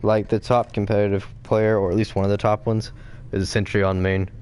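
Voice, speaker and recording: A man's voice: lowish voice, flat delivery, brisk, a little mellow, clean tone. A man giving casual, offhand commentary as he plays a fighting game. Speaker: gamer playing through a fighting game. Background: faint game music.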